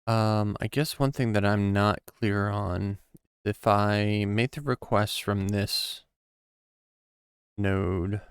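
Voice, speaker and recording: A man talks his way through a live coding session, slow and unhurried, in a smooth, clear voice that sits a little low. He muses aloud in a halting way, trailing off into ums and long pauses as he works. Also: fairly even intonation, no echo, studio quality. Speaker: programmer streaming a coding session.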